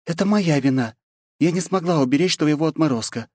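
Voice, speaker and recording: A man's voice: fairly high pitch, a little fast, a little mellow, no echo, voice pushed up, lightly acted. Guy doing a businesslike earnest young woman, totally serious, dry close audio.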